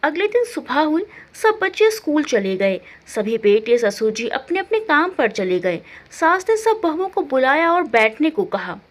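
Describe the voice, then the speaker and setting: A woman's voice: high-pitched, sing-song, unhurried, hardly any pauses. A woman narrating a family moral story aloud, announcing each speaker's name expressively.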